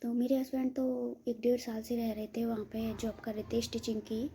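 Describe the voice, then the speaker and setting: A woman's voice: fairly high pitch, little pitch movement, normal speed, warm tone, a little hiss or hum. A woman from northern India telling a rambling story to her viewers in a casual vlog, often calling them friends. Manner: chatty, rambling, keeps saying "friends" to viewers. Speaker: vlogger.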